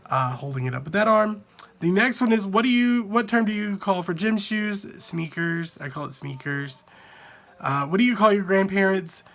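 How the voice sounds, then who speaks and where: Higher-voiced Southern US man, chatting casually. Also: lively intonation, a bit bright. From Southern United States. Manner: repeats single words slowly to demonstrate pronunciation, rambling. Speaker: vlogger answering an accent challenge. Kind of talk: casual, unscripted chat to a phone camera. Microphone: handheld phone at arm's length.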